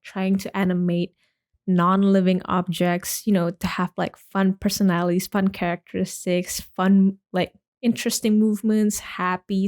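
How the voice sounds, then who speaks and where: A young Indonesian woman with a medium-pitched, slightly mellow voice hosts her own podcast. Talking on her own, she chats casually and rambles, using lots of "like" and frequent restarts.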